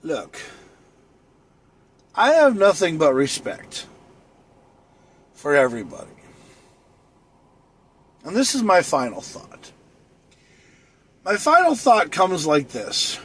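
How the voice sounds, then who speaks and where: A man's voice: on the high side, wildly swooping pitch, slow pace, pauses often, a bit bright, husky. A man chatting through a late-night livestream, rambling and joking around.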